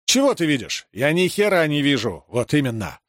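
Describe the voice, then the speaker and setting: A man's voice: fairly high pitch, big pitch swings, moderate pace, dry recording, clean studio sound. A man voicing an eager, exclaiming young city man in an audiobook reading.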